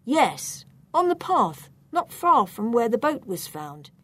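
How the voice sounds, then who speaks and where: A woman voicing a worried, loyal young male friend in a storybook reading, speaking low and subdued. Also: sing-song, slow pace, heavily acted.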